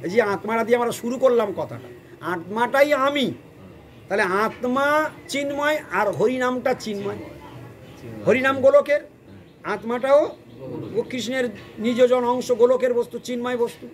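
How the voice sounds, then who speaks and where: A man with a high-pitched voice delivers a devotional sermon, half chanting and half lecturing. He breaks into sung verses and keeps putting questions to the people in front of him. A faint hum of room ambience sits under his voice. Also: moderate pace, pauses often. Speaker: preacher.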